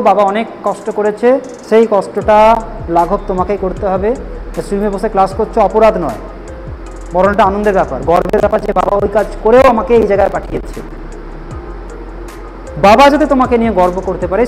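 A man's voice: high-pitched, a little mellow, low-quality recording. A male spoken English teacher, lecturing students firmly and often asking if they understood. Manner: firm, repeatedly checks understanding. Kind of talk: classroom lecture, scolding and advising students.

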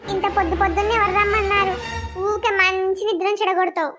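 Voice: very high-pitched, steady tone, fast talker, over music. A performer voicing a lazy, grumbling young uncle in a cartoon. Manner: whiny, grumbling. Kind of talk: cartoon voice acting.

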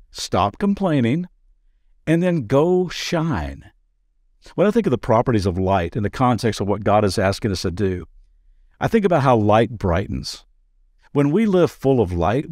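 Male pastor, devotional podcast, earnest and chatty, middle pitch, dry close studio sound. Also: big pitch swings, a little mellow, no room sound. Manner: conversational and earnest, with quick asides and playful jokes. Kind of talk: daily devotional podcast teaching.

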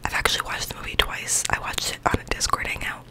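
A young adult woman speaks in an intimate whisper close to the microphone, rambling casually in an ASMR style. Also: fast talker. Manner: rambling, informal, full of "like". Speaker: ASMR creator. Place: small bedroom, indoors. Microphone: large microphone with foam cover, very close.

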